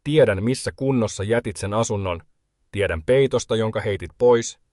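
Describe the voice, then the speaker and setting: Icy calm older widow, read by a low-voiced guy, clipped and dry. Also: dry recording, lightly acted. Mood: cold. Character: cold, unshakable widowed grandmother, older woman.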